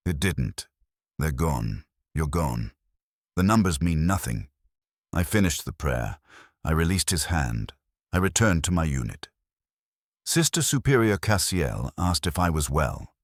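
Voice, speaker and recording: In an extremely low full character voice, a man plays a hollow, faithless warrior nun recounting her grim life. It's scripted first-person narration delivered in detached, solemn, clipped sentences, recorded dry with clean studio sound.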